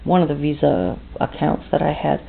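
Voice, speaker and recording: A woman's voice: deep voice, animated, moderate pace, creaky. A tired American woman in her fifties, chatting and ranting indignantly in a rambling vlog monologue. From United States. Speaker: vlogger. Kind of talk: casual monologue rant. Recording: tinny phone-like audio.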